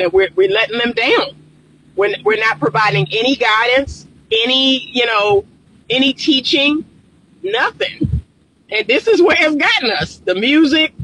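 Emphatic, bright-voiced woman talking in her car. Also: fairly high pitch, a little hiss or hum, low-quality recording. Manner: emphatic, preachy, repeats phrases for stress. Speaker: relationship coach and counselor. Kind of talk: casual talking-head vlog. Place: inside a parked car. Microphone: phone camera on the dashboard.

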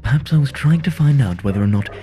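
A man doing a deep pitch-shifted deadpan narrator. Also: music in the background. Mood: detached. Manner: formal, deadpan, slow documentary narration. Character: deadpan male documentary-style narrator. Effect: deep pitch-shifted voice changer. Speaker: gameplay narrator.

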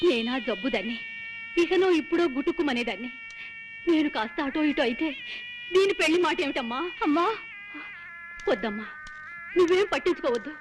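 A woman's voice: high voice, animated, fairly quick, long pauses, music in the background. An actress playing an ailing, sentimental older mother who pleads emotionally with her daughter.

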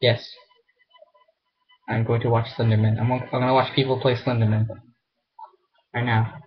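A man's voice: mid-range voice, little pitch movement, normal speed, lo-fi sound. A man chatting in a rambling, casual way as he hosts a reaction video. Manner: rambling, chatty, easily annoyed.

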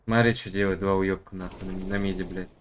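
A man's voice: sits low, level tone, fairly quick. A young man streaming a shooter, raging and grumbling at teammates with constant swearing. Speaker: game streamer. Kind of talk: live gameplay chat with teammates. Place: indoor streaming room at gaming desk. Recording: loud gunfire and clicking noise. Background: shooter game gunfire, clicks.

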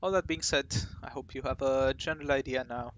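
A man's voice: medium pitch, fairly quick, dull audio, slight background noise. A man hosting a gaming channel who talks in a casual, rambling way, with lots of fillers and restarts. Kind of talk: casual rambling talk to camera.

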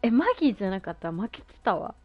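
This streamer races through her excited live chat while playing, gushing with youthful slang and exclamations. She has a medium-pitched voice with lively intonation, and the lo-fi audio carries faint music in the background.

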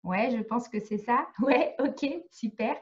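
A woman's voice: on the high side, slow. French teacher woman on a lo-fi video call. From France. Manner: clear, patient explaining with frequent "ok?" checks. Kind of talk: live online French lesson.

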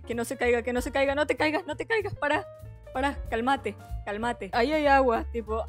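A young Argentine woman commenting on her gameplay, frantic and swearing, pleading with the game not to let her fall. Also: on the high side. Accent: Argentine Spanish. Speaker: gaming youtuber. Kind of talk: let's play commentary. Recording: faint music behind.

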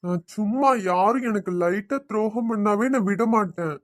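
A woman's voice: mid-range voice, normal speed, no echo, close to an everyday voice. A woman voicing a stern, furious village father. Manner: stern, threatening. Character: angry protective middle-aged father.

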